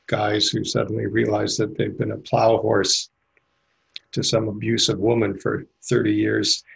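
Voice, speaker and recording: Gravelly, husky man sharing at length. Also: fairly low pitch, rough recording. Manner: rambling, candid, many fillers. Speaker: meditation group member. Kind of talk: group discussion share. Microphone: handheld mic passed around.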